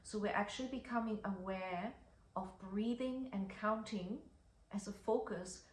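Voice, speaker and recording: A woman's voice: medium pitch, a little slow. A woman breathwork teacher giving instructions for a breathing practice in a reassuring, encouraging, unforced manner. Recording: echoey room, faint background noise.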